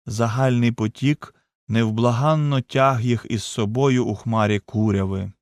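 A man's voice: medium pitch, measured pace, no room sound, clean studio sound. A man narrating an audiobook in a dramatic reading voice. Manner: dramatic reading, acts out the shouts. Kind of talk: scripted narration.

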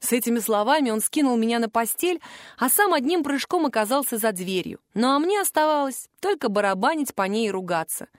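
Woman narrator, fairly high voice, lively expressive reading, dry close sound, first-person fantasy audiobook. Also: fairly quick, no room sound.

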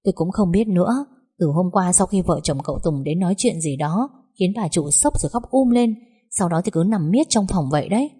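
A plain, polite household maid, as a woman reader puts her on answers simply in a low, warm voice. She speaks respectfully and without fuss. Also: expressive, fairly quick, slightly rough.

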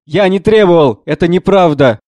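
A man's voice: high-pitched, lively intonation, moderate pace, darkish tone, no room sound. A man voicing an anguished, proud aging professor who speaks in lofty, declamatory outbursts.

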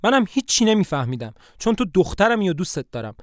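A man voicing an angry, hurt middle-aged mother who reproaches her daughter in fast, rising sentences, in a story reading of a play. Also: high voice, big pitch swings, no room sound, studio quality, pitched above the performer's own voice. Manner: reproachful, rapid.

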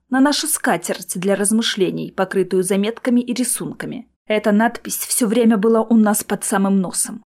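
A woman narrating a first-person novel as an audiobook, with even storytelling delivery. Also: medium pitch.

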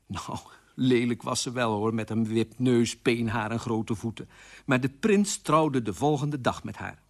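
Lively male fairy-tale storyteller. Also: mid-range voice. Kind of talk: radio fairy tale reading.

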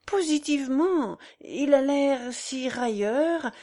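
A modest young woman, surprised and demurring, her voice high and animated as she hesitates over her answers, read by a woman narrator. She speaks slowly, with polite reluctance. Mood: embarrassed.

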